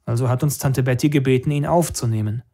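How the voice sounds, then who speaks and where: A man reading an audiobook, voicing a stern, decisive middle-aged father in a firm, measured way. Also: medium pitch, dark tone, lightly acted.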